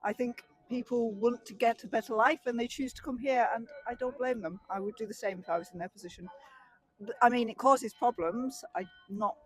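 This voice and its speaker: A woman's voice: on the high side, a little fast, breathy edge, poor audio. A woman answering a street interviewer thoughtfully, with some hesitation. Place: city street outdoors.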